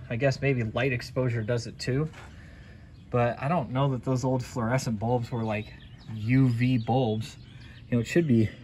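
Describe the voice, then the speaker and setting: A man talks his way through a repair job, folksy and rambling, as if thinking aloud. His pitch sits at an ordinary middle level for a man. A faint outdoor hiss runs underneath, picked up by a handheld phone. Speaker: restoration video host. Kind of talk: casual how-to narration while working. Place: outdoors in a driveway and a garage workshop.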